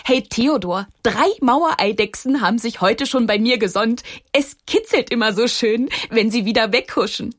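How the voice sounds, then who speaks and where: A woman voicing a small, talkative male stone with a bright, high voice in a children's story. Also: normal speed, natural voice. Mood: chatty. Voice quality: high, clear voice. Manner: eager, talkative.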